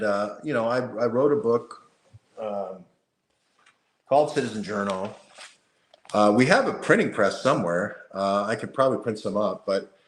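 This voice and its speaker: A man talking on a talk show, emphatic and fond of repeating his points for effect. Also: medium pitch. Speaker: guest. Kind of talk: conversational talk-show commentary. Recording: roomy echoey sound.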